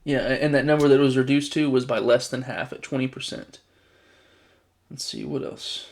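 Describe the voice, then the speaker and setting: A man's voice: mid-range voice, steady tone, normal speed. A man giving casual political commentary, reading news items aloud and reacting with exasperated sarcasm, often restarting his sentences.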